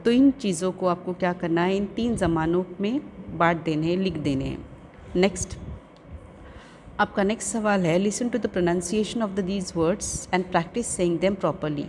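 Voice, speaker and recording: A woman's voice: fairly low pitch, measured pace, a little mellow, slight background noise. A woman teacher with an Urdu-speaking Indian accent, explaining an English lesson and carefully sounding out English words, repeating each one.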